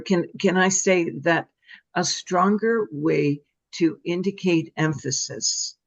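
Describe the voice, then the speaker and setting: A man taking part in an online workshop, making an earnest, measured point with examples over a video call. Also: a little high. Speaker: workshop participant. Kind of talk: group discussion comment. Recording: dull lo-fi call audio.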